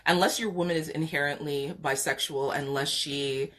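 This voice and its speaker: A woman with a Jamaican accent hosts a live podcast chat show, reading viewer comments and handing out frank, opinionated advice packed with fillers. Her voice is deep and steady, fairly bright in tone, at a normal speed.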